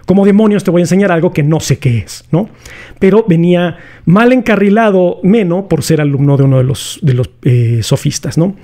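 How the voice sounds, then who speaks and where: Mexican man, casual philosophy lesson host, slangy and conversational, asks the audience a lot, slightly higher pitch. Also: expressive, a little fast, warm tone. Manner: chatty, slangy, poses rhetorical questions to viewers. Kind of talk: casual explanatory lecture.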